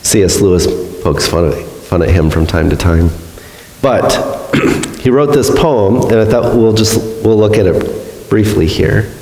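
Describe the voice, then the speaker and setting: A man teaching a classroom lesson on a poem, speaking thoughtfully with frequent pauses and fillers. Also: fairly low pitch, darkish tone. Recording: echoey room with long reverb.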